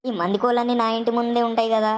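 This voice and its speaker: A woman with a Telangana Telugu accent playing a quarrelsome village woman who curses loudly at stray hens. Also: fairly high pitch, level tone, rapid-fire, a little hiss or hum, lightly acted. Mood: ranting. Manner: loud cursing rant.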